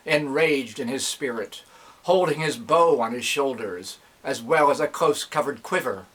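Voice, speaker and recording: A man narrating epic poetry in dactylic verse, with a measured, declamatory delivery that follows the metre. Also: on the high side, a bit bright. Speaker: reciter, narrator.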